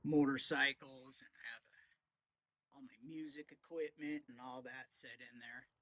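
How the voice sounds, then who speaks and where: A middle-aged man in a casual, rambling vlog chat, speaking in short, leisurely phrases with pauses, outdoors on a front deck. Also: mid-range voice, steady tone, fairly bright tone, rough recording. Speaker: vlogger.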